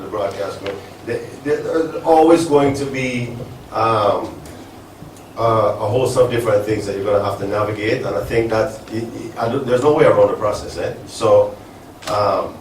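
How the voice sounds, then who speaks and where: A man's voice: fairly low pitch, normal speed. A man from Jamaica speaking at a business symposium, answering audience questions in an earnest, rambling way with many restarts. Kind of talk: live panel talk answering audience questions. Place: resort event hall. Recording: echoey event hall from far off, faint noise.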